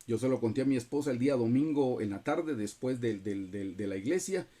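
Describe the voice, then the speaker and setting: A man's voice: mid-range voice, animated, brisk, warm tone. A man with a Guatemalan accent preaching a Bible study over a video call, earnestly addressing the listeners as brothers while sharing a personal testimony. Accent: Guatemalan Spanish. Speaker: pastor leading a Bible study.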